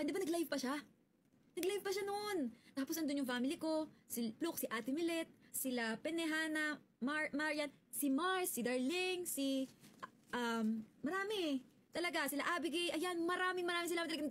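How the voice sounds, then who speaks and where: A young woman telling a story in casual, chatty vlog style, animated and laughing often. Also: very high voice, slight background noise.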